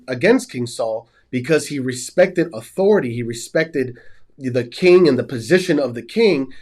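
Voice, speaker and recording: A man with a mid-range voice hosts a Bible study show, sounding nasal and stuffy from a cold. He earnestly retells the background of scripture as a story.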